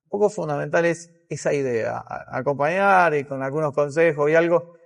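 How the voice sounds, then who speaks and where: Here an Argentine man, a psychiatrist, responds to interview questions with measured explanations, thinking out loud along the way. His voice is a little high and gravelly.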